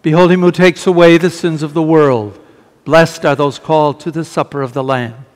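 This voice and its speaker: A man leading the liturgical prayers of a Mass in a slow, measured intoning voice. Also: a little high, steady tone. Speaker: priest celebrating Mass. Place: large church with long reverb. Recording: reverberant church hall.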